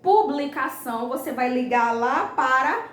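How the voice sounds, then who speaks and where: A woman teaching a class of young schoolchildren, patient and slow, spelling words out clearly and checking in with the pupils. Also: high voice, animated, fairly bright tone, roomy sound. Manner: patient, slow and clear, ends phrases with "tá bom?". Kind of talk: recorded remote class lesson.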